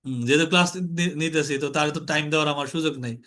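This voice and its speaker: A young man leads an online lesson with a high, ringing voice. He talks earnestly, circles back over his points and calls on students to answer. His tone is bright and forward. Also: fairly even intonation, very fast. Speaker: online class instructor. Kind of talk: informal teaching lecture. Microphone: online class call.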